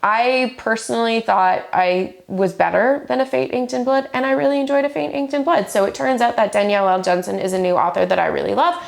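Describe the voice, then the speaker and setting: A woman's voice: fairly high pitch, fairly quick, vocal fry, hardly any pauses. A woman in her thirties chatting enthusiastically about books she has read, still getting over the flu. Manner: enthusiastic, gushing. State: recovering from flu. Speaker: book vlogger. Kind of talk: casual book review chat.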